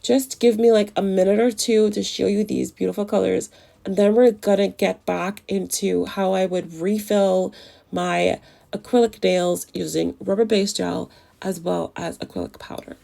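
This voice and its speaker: She talks at a normal speed in a steady, medium-pitched voice that's creaky and mellow, narrating a casual nail tutorial. Chatty and excited about products, she sounds a little off while recovering from the flu.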